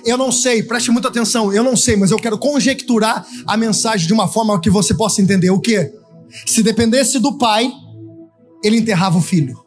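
A man preaches, his voice sitting high for a man. He half-sings his lines and climbs into ringing, shouted proclamations. Faint music plays behind him. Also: a little fast. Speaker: pastor. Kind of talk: Pentecostal sermon.

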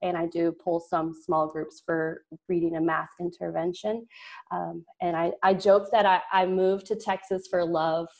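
A woman's voice: fairly low pitch, little pitch movement, a little slow, gravelly, a little mellow. Oklahoma-raised woman on a podcast, chatty, laughs a lot, trails off mid thought. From rural southeast Oklahoma. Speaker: guest, intervention facilitator. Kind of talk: casual podcast interview.

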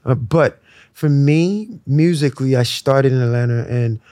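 A young man from Nigeria, a musician talking in a relaxed, reflective way with lots of fillers during an interview. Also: medium pitch, measured pace, dry recording. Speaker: musician guest. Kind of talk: casual interview talk.

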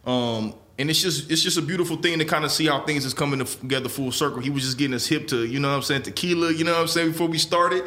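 A man hosting a podcast, talking in a relaxed, casual way and often tossing in filler phrases while he speaks. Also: on the high side, fast, few pauses. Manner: laid-back, repeats "man" and "you know what I'm saying". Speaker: podcast host.

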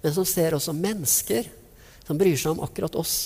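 A man's voice: fairly high pitch, a little mellow, slightly rough. Man preaching in a reverberant hall. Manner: vivid storytelling, acting out the people in the story. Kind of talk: sermon. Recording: long reverb of a large hall.

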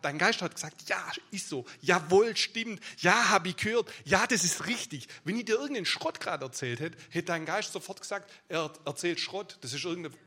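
Bright, high-voiced preacher man. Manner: emphatic, declaring prayer lines loudly then explaining conversationally. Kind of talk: sermon.

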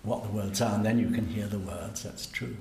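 The guest, an older man who plays cello, has a lowish, darkish voice with a steady tone and a fairly quick pace. During the conversational interview he muses, chuckles at himself, and frequently asks tag questions; the room sounds spacious with a faint hum.

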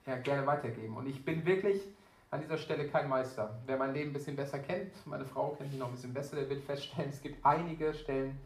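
A man's voice: mid-range voice, quick pace. A young man giving an earnest, conversational sermon with frequent fillers. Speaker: preacher. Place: church hall. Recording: echoey church hall.

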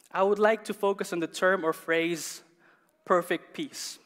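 A man's voice: sits high, fairly bright tone, long reverb tail. A male pastor preaching a sermon to his congregation, emphatic, repeating key words and putting questions to the listeners. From Canada. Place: church hall.

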